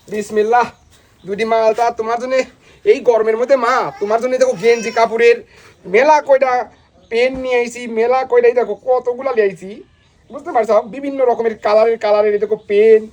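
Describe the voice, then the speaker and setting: A woman speaks in a tender, coaxing voice, pitched a little high. She keeps repeating soft endearments and gentle questions, like she is talking lovingly at home. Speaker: farmer vlogger. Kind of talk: affectionate home vlog.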